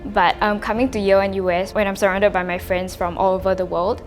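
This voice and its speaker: A woman's voice: medium pitch, level tone, fast talker. A young adult woman with a Singaporean accent and a Singlish way of speaking, a student talking casually in an interview. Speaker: university student. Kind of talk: casual interview talk to camera. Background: music.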